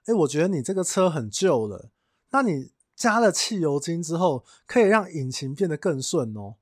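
Guy playing a young gas station attendant, polite but way too blunt, bouncy lively pitch. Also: normal speed, no echo, clean studio sound. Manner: courteous, matter-of-fact sales pitch.

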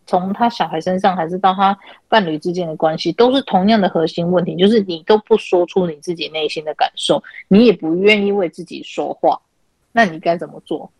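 A woman's voice: on the low side, fairly quick, darkish tone, no room sound, low-quality recording. A woman, hosting an online chat and animatedly retelling counseling sessions, acting out quoted dialogue. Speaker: podcast host and spiritual counselor. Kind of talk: casual chat, telling client stories. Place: online chat room call.

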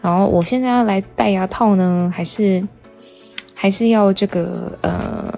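A woman's voice: medium pitch, gravelly, mellow, faint music behind. Taiwanese woman chatting through a dental retainer. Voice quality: wearing a dental retainer, slightly wet articulation. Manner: rambling, halting, self-correcting with giggles. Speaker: podcast host. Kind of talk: casual chatty monologue.

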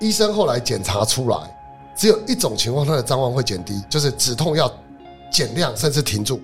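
A man, a lawyer guest telling a personal story in an interview, animated and swinging between loud and hushed. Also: mid-range voice, fairly quick, faint music behind.

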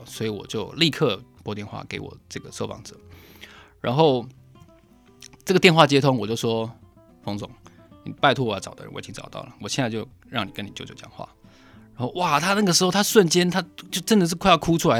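Male podcast host, gravelly voice, lively storytelling, faint guitar music behind. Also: on the low side. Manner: lively, animated retelling with acted-out dialogue.

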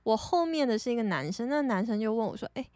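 A woman's voice: on the high side, fast talker, dry recording. Chatty young woman, Taiwanese accent. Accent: Taiwanese Mandarin. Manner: chatty, animated, laughs often. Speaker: podcast host. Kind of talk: casual storytelling monologue.

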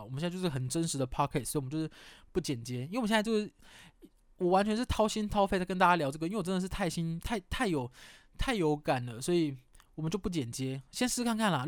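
Guy around 30 rambling on his podcast, pokes fun at himself, kinda high voice, dry close mic. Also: no room sound. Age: 30s. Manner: candid, rambling, self-mocking with mild swearing. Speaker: podcast host. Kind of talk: casual chat.

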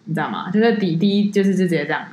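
A woman's voice: fairly low pitch, very fast, roomy sound, a little hiss or hum. A woman, chatting as a podcast co-host about her tour-leading work and acting out the people she quotes. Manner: animated storyteller, acts out quoted people. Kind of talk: casual podcast chat, storytelling.

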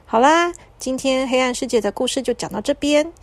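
A woman's voice: high voice, no room sound. Soothing woman telling a bedtime story. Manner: soft, soothing, slow at the end. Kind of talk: bedtime story narration for children.

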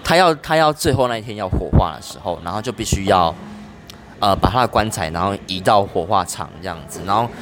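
A young man hosts a casual podcast chat. He talks quickly, and his pitch jumps around as he tells stories. The result is lively and animated. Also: slight background noise. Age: 20s. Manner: animated, fast storytelling with laughs. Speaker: podcast host.

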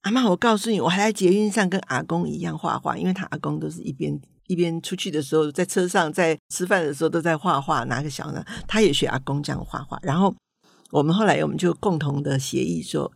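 A woman's voice: sits low, fast talker, vocal fry, slightly rough, no echo, clean studio sound. An older woman with a Taiwanese accent, an author chatting folksily about her grandchildren and acting out family dialogue. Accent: Taiwanese Mandarin. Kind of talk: storytelling talk.

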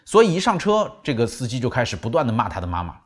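A man recaps a memoir as a storytelling book host, voice swinging widely in pitch. His delivery is animated and keeps acting out the people in the story. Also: fast talker. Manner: animated, acts out quotes.

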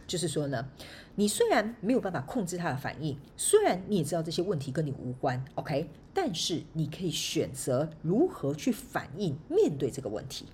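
A woman's voice: lowish voice, darkish tone, a little hiss or hum. A woman hosting a solo podcast, giving casual advice in a chatty, playful way full of laughing asides. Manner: chatty, frequent laughing tag particles, playful examples. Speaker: podcast host and motivational speaker.

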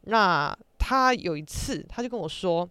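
Young taiwanese woman venting on her podcast, super expressive up and down, dry close sound. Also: lowish voice, measured pace, clean tone, dry recording. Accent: Taiwanese Mandarin. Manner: animated, ranting, swears casually. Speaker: podcast host. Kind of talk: casual storytelling monologue.

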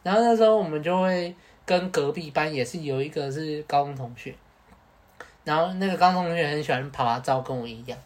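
A man with a Taiwanese Mandarin accent, a podcast co-host telling a casual, animated story with Hokkien swearing. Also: on the high side, fairly quick.

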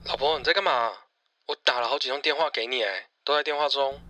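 A man's voice: mid-range voice, fast talker, bright, forceful tone, no room sound, natural voice. A man playing a worried but easygoing husband phoning his wife in an audio horror drama. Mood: casual.

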